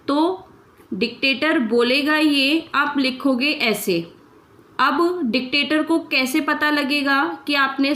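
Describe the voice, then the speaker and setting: A woman's voice: high-pitched, a bit bright. A woman teaching a shorthand class, explaining step by step and checking in with her students often. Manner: patient, checks in with "ठीक है?" often. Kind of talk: explaining lesson in mixed Hindi and English.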